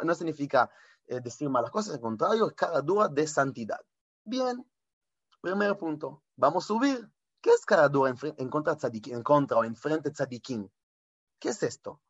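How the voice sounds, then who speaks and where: A man giving an informal spiritual talk as a rabbi, lively and animated, often correcting himself and mixing in Hebrew words. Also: on the high side, no room sound, highs cut off.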